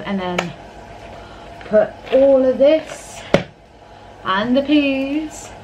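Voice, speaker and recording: A woman's voice: medium pitch, a little hiss or hum, rough recording. A young woman, chatting informally as she cooks in her home kitchen, filmed by a camera on the counter. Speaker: vlogger. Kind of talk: casual cooking vlog. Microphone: camera on a counter at mid-distance. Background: washing machine running.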